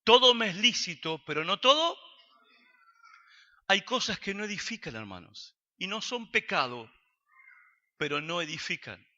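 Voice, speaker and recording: A man's voice: high-pitched, very animated, unhurried, pauses often, pushed and bright. A man with an Argentine accent preaching a sermon, asking his congregation questions and answering them himself. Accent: Argentine Spanish. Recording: dull recording with long hall reverb.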